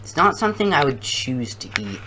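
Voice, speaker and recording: A challenge video host talking casually to viewers and thinking out loud in a halting way. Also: medium pitch, very animated, noisy background.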